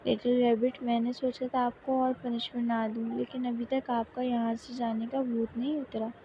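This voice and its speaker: A woman's voice: fairly high pitch, flat delivery, normal speed, highs cut off, a little hiss or hum, close to an everyday voice. A woman voicing a stern, watchful young man who speaks with cool self-assurance, in a narrated story.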